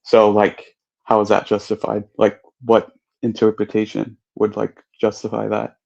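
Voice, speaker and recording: A man calls in to a debate stream and speaks slowly, in a low, flat voice. He stops often and fills the gaps with fillers. His call audio sounds dull and lo-fi. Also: creaky. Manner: hesitant, halting, many fillers. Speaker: caller. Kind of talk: casual debate chat.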